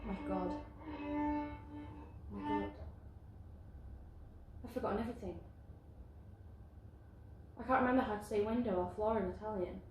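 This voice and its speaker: Actress playing an anguished young sister. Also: female voice, mid-range voice, moderate pace, pauses often, close to an everyday voice. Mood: despairing. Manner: anguished, sighing, bursts into shouts. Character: despairing young woman, youngest sister Irina. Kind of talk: stage play acting. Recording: distant, echoey stage with violin music.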